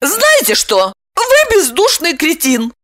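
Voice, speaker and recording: A tearful, wailing woman, as a narrator puts her on, her voice pushed far up into a thin, squeaky register. She pleads and complains with lively swoops in pitch. It is an audiobook character voice. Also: slow pace, full character voice.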